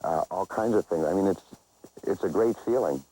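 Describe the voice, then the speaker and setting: A man's voice: sits low, normal speed, warm tone, slightly rough, rough recording. A man talking casually as an interviewee.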